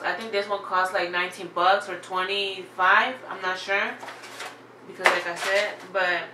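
A woman reviews snacks in an unboxing vlog, chatting casually and constantly saying "like" and "y'all." Her medium-pitched voice is bright and pushed. The recording is off-mic in an echoey room, with a little hiss or hum.

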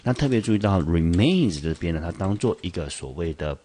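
A man's voice: low voice, expressive, a little fast, mellow. A male English teacher with a Taiwanese Mandarin accent, explaining a word step by step and asking the class questions. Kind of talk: vocabulary lesson. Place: school teaching studio.

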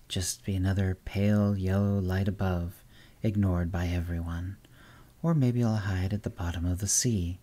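Ancient will-o'-the-wisp spirit, hissing whisper, weary scorn, deep low tone, put on by a man. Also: darkish tone. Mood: scornful.

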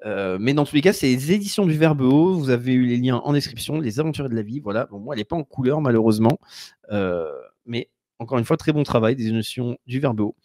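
A man's voice: medium pitch, lively intonation, quick pace, dark tone, no echo, studio quality. A man hosting a live-streamed talk show, rambling and promotional as he plugs a book and introduces his guest. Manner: rambling, promotional, filler-heavy. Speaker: host.

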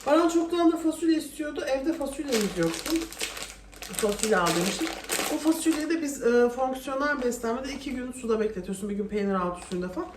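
With a high-pitched voice, lively intonation and a fairly quick pace, a woman chats in a casual vlog from her home kitchen, often exasperated as she complains. Her voice sounds distant in an echoey room with faint noise.

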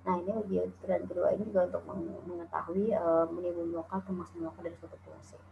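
This recorded calculus lecture over slides comes from an Indonesian woman who explains each step, peppering her speech with "eh" and "nah." Her lowish, creaky voice moves quickly in a level tone. The audio is tinny and phone-like, with a little hiss or hum.

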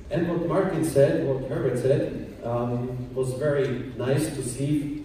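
A middle-aged man presents at a conference in a plain, explanatory way, pausing often on um and uh. His voice is mellow and rather dark. It is recorded from far off in a large hall with heavy echo. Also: mid-range voice, slight background noise. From Austria. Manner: plain, explanatory, with frequent um and uh pauses. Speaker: conference speaker. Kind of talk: presentation talk.

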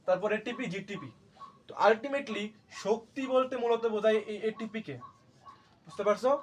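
A man with a high voice teaching a lesson at a board. He keeps putting questions to the class and answering them himself, and he repeats each key term so it sticks. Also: normal speed. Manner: asks and answers his own questions. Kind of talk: classroom lecture.

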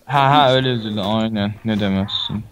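A young man chatting while playing a game, blunt and dry, swearing and joking flatly. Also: on the low side, fast talker, soft background music. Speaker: gamer. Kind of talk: casual gameplay chat.

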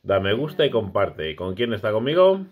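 A man's voice: fairly low pitch, big pitch swings, a little fast, phone-quality sound, a little hiss or hum. A man, casually vlogging a brick build with his child, chatty and often unsure as he corrects himself.

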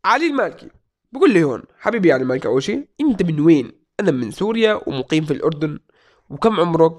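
A young man in his twenties runs a casual question-and-answer vlog from a small room. He talks fast and playfully, with a voice that swings widely up and down. He reads out the questions and jokes his way through the answers. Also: on the high side, very animated. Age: 20s. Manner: joking, playful, reads out comments. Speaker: YouTuber answering viewer questions. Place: small indoor room at a desk.

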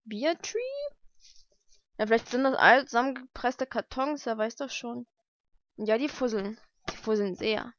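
Unhurried and a little high, her voice a bit bright, a young vlogger pauses often while chatting through an unboxing of mail-order books. She thinks aloud informally in a lived-in room indoors, and the home recording sounds dull and lo-fi.

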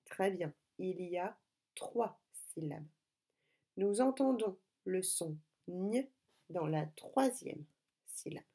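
Woman schoolteacher, mellow voice, slow deliberate phonics lesson for kids. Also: lowish voice, animated. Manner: slow, clear, deliberate teacher talk addressing pupils. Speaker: primary school teacher.

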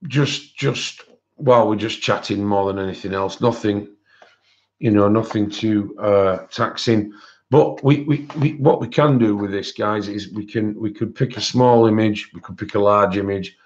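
A man's voice: lowish voice, fairly even intonation, a little slow. A man who says w for r, chatting casually as he hosts an art livestream. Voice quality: cannot pronounce his R's properly, says w for r. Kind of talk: casual live-stream chat, showing colouring books. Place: indoors at a desk, overhead camera on hands. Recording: dull, lo-fi sound.

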